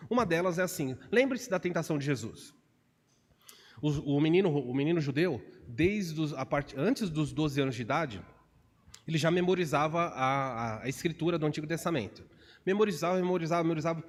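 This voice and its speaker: Brazilian pastor preaching in a reverberant church. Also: male voice, a little high. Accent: Brazilian Portuguese. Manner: animated, acts out quotes with shifts of voice. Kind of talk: expository sermon. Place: church sanctuary. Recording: long reverb of a church hall.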